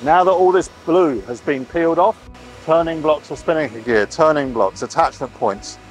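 Inside a boatyard shed and a boat still under construction, a vlogger in his forties wearing a clip-on lapel mic gives an emphatic, enthusiastic walk-through to camera, repeating phrases. His voice sits a little high at a normal pace, and soft music plays in the background.

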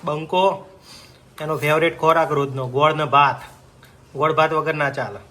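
A man's voice: on the high side, fairly even intonation, normal speed, sharp tone. A man vlogging casually from his family home, chatty and teasing, talking to his viewers while feeling a bit feverish. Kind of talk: casual family vlog narration.

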